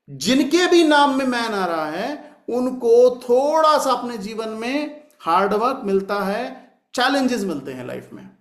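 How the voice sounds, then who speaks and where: A man's voice: high-pitched, fairly bright tone. A man teaching a numerology class, repeating sounds aloud to demonstrate and answering his own questions. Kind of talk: classroom lecture. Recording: echoey room.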